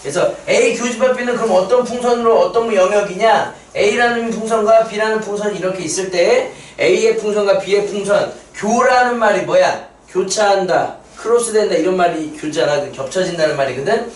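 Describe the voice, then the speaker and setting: A man's voice: high voice, slight background noise. A man teaching a math lesson at a board, explaining step by step and quizzing his students with questions. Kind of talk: whiteboard math lecture. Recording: roomy echo, mic set far off.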